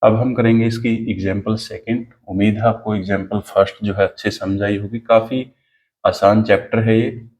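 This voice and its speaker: A man teaching an exam-prep math lesson, explaining each step slowly and dictating a word problem. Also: fairly low pitch, fairly even intonation, a little mellow.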